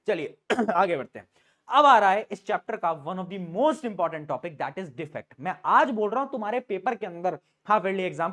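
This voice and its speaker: A man's voice: high-pitched, a bit bright. Playful, teasing male teacher. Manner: playful, teasing, calls students "beta"; mixes English terms into Hindi. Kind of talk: energetic exam-prep lecture.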